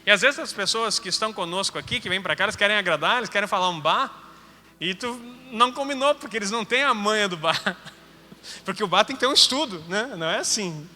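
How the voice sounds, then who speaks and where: High bright gaúcho guy preaching, chatty and joking, echoey hall w/ soft music. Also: lively intonation, fast talker. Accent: Gaúcho Brazilian Portuguese. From Rio Grande do Sul, Brazil. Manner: conversational, joking asides. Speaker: apostle preaching. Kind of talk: teaching sermon. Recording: hall reverb with faint music.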